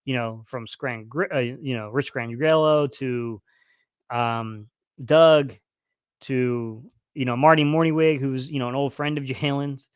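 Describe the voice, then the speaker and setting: This sports livestream host covers football casually, reading chat messages aloud and rambling with many fillers and restarts, and he's losing his voice a bit. His mid-range voice is smooth, fairly even and a little slow, recorded in studio quality without echo.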